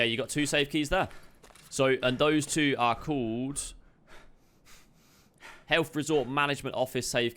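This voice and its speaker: In a mid-range, somewhat bright voice, a male streamer chats through a loot walkthrough for a video game. He keeps it upbeat with quick asides to viewers, though he sounds a little chesty and coughs here and there.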